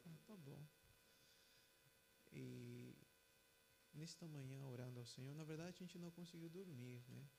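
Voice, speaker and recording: Man, Peruvian accent, pastor, gravelly dark voice, fervent sermon and prayer, light background noise. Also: on the high side, measured pace, pauses often, rough recording. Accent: Peruvian Spanish. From Peru. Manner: casual chatty introduction, then fervent loud prayer. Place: church.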